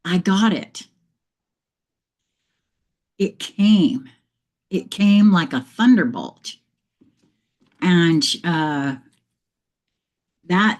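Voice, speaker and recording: A woman's voice: fairly low pitch, dark tone. Slightly breathless woman, reflective morning chat. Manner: reflective, meandering spiritual storytelling. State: a little out of breath. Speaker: live stream host. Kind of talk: casual live morning chat.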